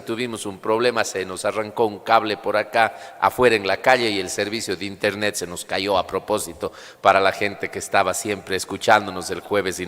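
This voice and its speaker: Priest preaching in cathedral-like echo. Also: male voice, on the low side, fairly bright tone. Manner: solemn, deliberate, didactic. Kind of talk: liturgical proclamation and homily. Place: large reverberant church during livestreamed Mass. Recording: cathedral-like echo, long church reverb.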